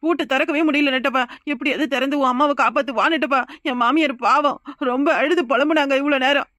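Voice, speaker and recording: Cartoon: a jittery Kanyakumari young wife, high, fast, dry studio. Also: female voice, steady tone, fairly bright tone, dry recording. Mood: urgent. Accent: Kanyakumari Tamil. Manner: rapid, insistent, pleading. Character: frightened young village wife. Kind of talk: cartoon voice acting.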